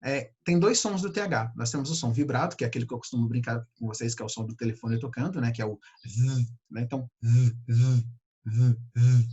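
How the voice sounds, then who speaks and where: Husky Brazilian English teacher. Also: male voice, mid-range voice, darkish tone, muffled recording. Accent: Brazilian Portuguese. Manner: patient, repeats sounds slowly to demonstrate. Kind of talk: pronunciation lesson.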